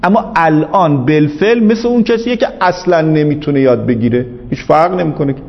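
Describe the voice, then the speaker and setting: A man's voice: on the high side, big-room sound, highs cut off. A man teaching Islamic jurisprudence in a seminary lecture, arguing his point patiently and repeating it with emphasis.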